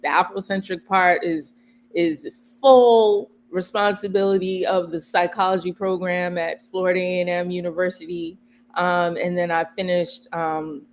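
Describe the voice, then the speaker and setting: A woman from the Bahamas, an academic guest, answering interview questions in a measured, explanatory way. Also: fairly low pitch, a little hiss or hum.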